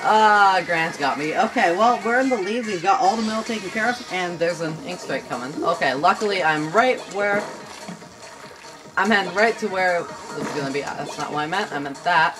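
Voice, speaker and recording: A man giving casual, excitable play-by-play as he plays a video game, rambling and laughing often. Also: high voice, moderate pace. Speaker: gaming channel host. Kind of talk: casual gameplay commentary. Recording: game music playing under the voice. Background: video game music.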